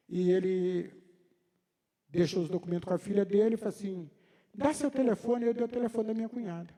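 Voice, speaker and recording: A man's voice: high-pitched, warm tone, long reverb tail. A man preaching a sermon, telling a personal story in a conversational way and acting out the dialogue. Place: church hall.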